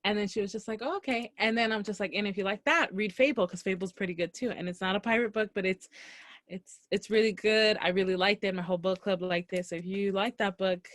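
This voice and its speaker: A young woman co-hosting a podcast, telling a casual story and acting out the dialogue with lively energy. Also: mid-range voice, quick pace, no room sound. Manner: animated, acts out quoted dialogue. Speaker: podcast co-host. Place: Los Angeles area.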